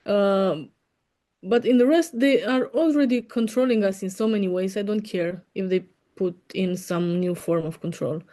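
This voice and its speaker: A woman's voice: mid-range voice, normal speed, dark tone. Woman speaking frank English. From Denmark. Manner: frank, earnest, imperfect English. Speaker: podcast co-host. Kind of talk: casual opinionated chat.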